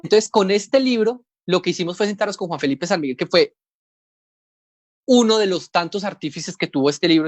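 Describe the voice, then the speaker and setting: A man's voice: a little high, no echo. A Colombian man, a comics editor, talking casually over a video call, rambling and explaining things step by step. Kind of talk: casual panel talk.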